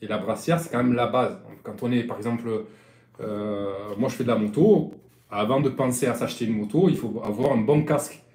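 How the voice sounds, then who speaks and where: A man's voice: medium pitch, brisk, a little mellow, roomy sound. A man with a Marseille accent, a sailing coach chatting loosely through a live-stream lesson, often repeating and restarting his phrases. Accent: Marseille French. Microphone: live-stream phone or webcam.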